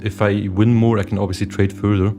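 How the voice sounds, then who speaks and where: Behind this young Swiss host's voice runs meditation music as he chats casually on his livestream and reads viewer questions from the chat aloud. He's a day trader. His voice is lowish and flat, and he talks a little fast.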